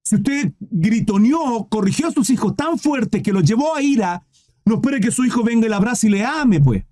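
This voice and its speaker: A man's voice: very high voice, expressive, normal speed, dark tone, no echo, clean studio sound. A man preaching a live Bible teaching in a direct, exhorting way.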